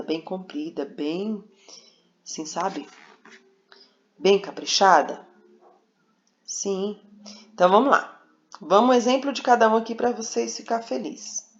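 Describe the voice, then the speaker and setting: A woman teacher giving a recorded remote lesson to young pupils, patient and coaxing, spelling out syllables slowly. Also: medium pitch. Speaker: primary school teacher. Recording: dull lo-fi home recording.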